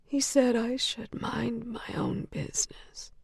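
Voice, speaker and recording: A woman's voice: high voice, animated, takes it slowly, vocal fry, darkish tone, no room sound, clean studio sound, voice pushed up, full character voice. A woman voicing a frail, sedated young asylum patient in whispered role-play, her words faint, slurred and tearful. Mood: whispering.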